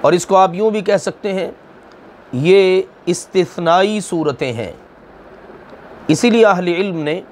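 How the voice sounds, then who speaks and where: Male Quran teacher, high-pitched, slow and methodical; asks his own questions, then drawls out the examples. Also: slight background noise. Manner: slow, deliberate explaining, asking and answering his own questions; draws out recited examples syllable by syllable. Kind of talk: recorded tajweed lesson.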